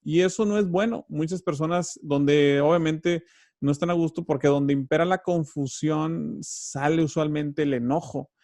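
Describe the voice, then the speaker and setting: A man, hosting an interview, asking long, animated and rambling questions. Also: a little high, normal speed, no room sound, studio quality. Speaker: host.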